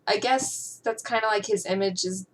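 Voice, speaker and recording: A woman's voice: medium pitch, normal speed, a little hiss or hum. Young woman in casual fan chat. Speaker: music video reaction commentator.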